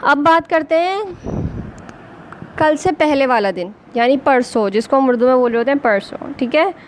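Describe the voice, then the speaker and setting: A woman with an Urdu accent teaching a basic English lesson to beginners. She speaks slowly and patiently, spelling words out letter by letter. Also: sits high, animated, slight background noise, poor audio.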